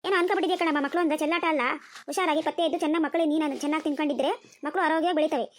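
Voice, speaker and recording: A woman's voice: high voice, fairly even intonation, racing, lightly acted. A woman voicing a fussy, preachy neighbor mother in a cartoon, gossipy and lecturing.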